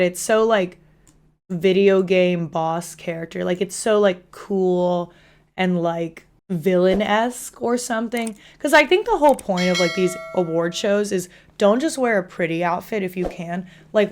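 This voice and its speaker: Young woman streamer, casual rambling chat with lots of fillers and laughs. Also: on the low side. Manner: chatty, frequent "like" fillers, laughs while talking.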